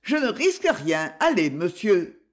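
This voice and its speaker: A man's voice: high voice, wildly swooping pitch, slow, full character voice. A man reading aloud and voicing a modest, cheerful young woman servant in a storybook. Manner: gentle, playful replies.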